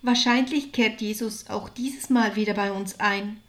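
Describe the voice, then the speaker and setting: A woman voicing Martha, an excitable village woman bursting with news, in a storybook reading. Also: medium pitch, unhurried, natural voice. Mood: hurried.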